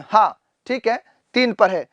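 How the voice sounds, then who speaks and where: A man teaching Hindi in a live online exam-prep class, repeating answers and quizzing students back, often clearing his throat. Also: sits high, expressive, slow, fairly bright tone, dry recording. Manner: addresses students fondly as "beta".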